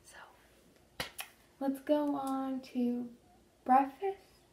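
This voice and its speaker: A young woman vlogging her morning routine at home, soft-spoken and halting, often dropping to a half-whisper. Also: high-pitched, recorded from a distance. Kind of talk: casual vlog narration. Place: home, bathroom and bedroom. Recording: echoey room at home.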